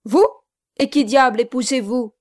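An agitated gentleman hunting for a lost child, as a woman reader puts him on, pushing his words out loud and urgent in a slow, measured delivery. The audiobook voice sits fairly high and close, with a dry, dead recording. He pleads and demands in turn. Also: no echo. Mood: demanding. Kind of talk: audiobook character reading.

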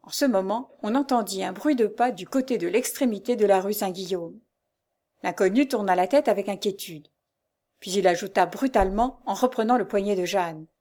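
A woman reading a novel aloud in a steady narrating voice. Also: medium pitch, moderate pace. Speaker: reader.

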